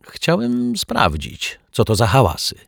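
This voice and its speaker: A man's voice: medium pitch, huge pitch swings, a little slow, gravelly, a bit bright, no echo, clean studio sound, voice pushed up, full character voice. A man voicing a grumpy, easily startled male detective who talks sharply and mutters. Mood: muttering.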